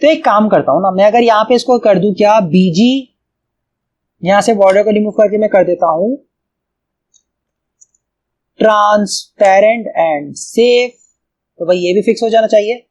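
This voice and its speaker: With long pauses and a somewhat slow pace, a man with a high, slightly mellow voice works through a screen-recorded coding tutorial. He is from Pakistan, has a Pakistani Urdu accent, thinks aloud in a casual way, and keeps addressing the viewer as "bhai," or brother.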